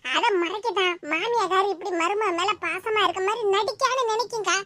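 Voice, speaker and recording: A woman with a Tirunelveli Tamil accent voicing a dramatic, aggrieved village housewife in a cartoon, with sped-up, high voice. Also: moderate pace, pushed and bright. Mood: gossiping. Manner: wailing, self-pitying complaints mixed with gossip. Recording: noisy with clicks.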